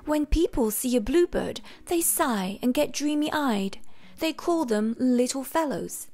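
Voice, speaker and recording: A woman reading aloud, voicing a vain, prim female pigeon who speaks softly with her head held high. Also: animated, measured pace, faint music behind, exaggerated voice. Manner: soft, prim, slightly raised voice.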